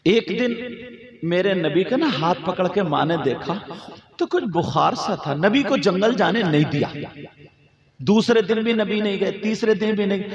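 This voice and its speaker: A man's voice: sits high, lively intonation, moderate pace. A male preacher giving an emotional sermon at a gathering, telling a story with passion and speaking directly to the crowd through a PA microphone. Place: outdoor religious gathering. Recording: echoey lo-fi PA sound with crowd.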